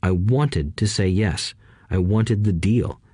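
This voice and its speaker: A man reads an audiobook in a steady, measured way. His voice sits on the low side. The recording is close and dry, with no room around it. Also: husky, no room sound. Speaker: narrator. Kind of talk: audiobook narration.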